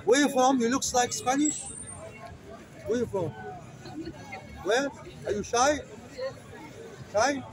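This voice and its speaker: A man preaching fiercely to an open-air crowd in halting non-native English, calling his listeners "brother" and searching aloud for words. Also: extremely high pitch, low-quality recording. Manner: fiery, emphatic, calls listeners "brother". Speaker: street speaker debating a crowd. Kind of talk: open-air soapbox debate. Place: outdoor public speaking area in a city. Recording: outdoor crowd noise. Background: crowd of listeners around him.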